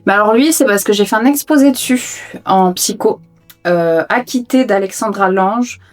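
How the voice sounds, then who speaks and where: A woman's voice: medium pitch, normal speed, faint music behind. A young woman chatting casually to her viewers while she sorts books in her room at home, joking about herself as she goes. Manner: chatty, self-mocking, talks to viewers while sorting books. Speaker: booktuber tidying her reading room. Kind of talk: casual vlog chat while tidying.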